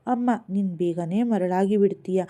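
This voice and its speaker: A woman's voice: medium pitch, normal speed, dark tone, lightly acted. A woman reading the lines of a grown son living abroad, chiding and persuading his mother.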